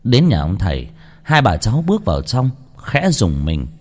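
A man reading a ghost story aloud in a dramatic, expressive way. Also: lowish voice, normal speed. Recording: long reverb.

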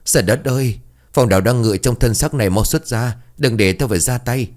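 A man putting on a whiny, excitable young sidekick. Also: a little fast, lightly acted. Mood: excited. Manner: whiny, excitable, high-pitched. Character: dim, cheeky young male sidekick.

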